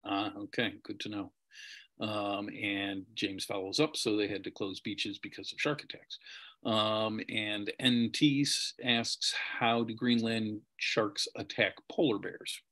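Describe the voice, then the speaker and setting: A man's voice: on the low side, fairly even intonation, measured pace, pushed and bright. A middle-aged man hosting a video Q&A, reading out audience questions with many hesitant ums. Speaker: host. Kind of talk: moderating a video Q&A.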